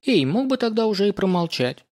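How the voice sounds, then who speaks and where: A male narrator voicing a lively, curious young woman apprentice with a quick, chirpy, teasing manner in an audiobook. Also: sits high, pitched above the performer's own voice, exaggerated voice.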